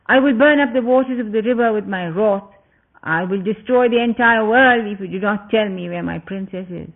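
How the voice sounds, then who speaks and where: A man voicing an anguished, passionate young prince who cries out his words loudly, heard through a tinny phone-like recording. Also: high voice, steady tone, normal speed. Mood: wrathful. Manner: impassioned, loud exclamations.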